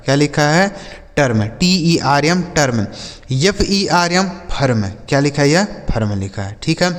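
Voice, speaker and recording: A male English teacher, teaching a class. He asks questions and answers them himself, and says words slowly, sound by sound. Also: a little high, long reverb tail. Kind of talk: classroom-style lesson.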